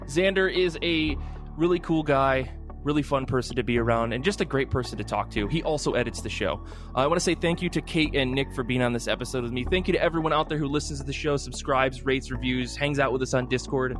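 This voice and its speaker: A podcast host with an average male pitch talks quickly and enthusiastically in a loose, chatty style on a casual podcast. Faint music sits behind his voice.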